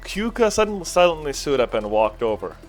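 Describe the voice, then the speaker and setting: A man's voice: a little high, big pitch swings, brisk, faint music behind. A man chatting and reading a story aloud with friends, laughing and playful. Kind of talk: casual group reading and chat.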